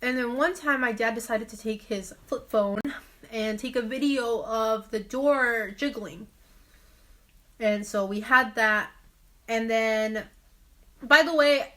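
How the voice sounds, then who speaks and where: Young woman, slightly high voice, chatty rambling vlogger telling a story to camera at home. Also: pushed and bright. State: out of breath. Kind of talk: casual storytelling vlog.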